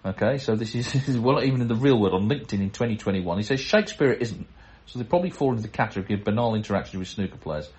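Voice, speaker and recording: Chatty man with a low voice. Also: expressive, rapid-fire, few pauses, darkish tone. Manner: chatty, chuckling, self-deprecating asides. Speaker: podcast host reading listener mail. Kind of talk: casual chat and letter reading.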